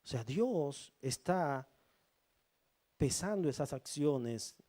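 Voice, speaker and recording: A man preaching a sermon as pastor, reading scripture and asking the congregation rhetorical questions in a slow, deliberate way. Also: on the high side, lively intonation, dark tone.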